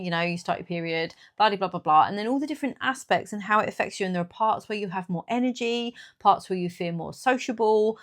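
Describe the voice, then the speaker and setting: A woman in her forties who runs a small business, chatting casually and rambling in her own studio vlog, laughing at herself. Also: lowish voice. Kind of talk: casual chat.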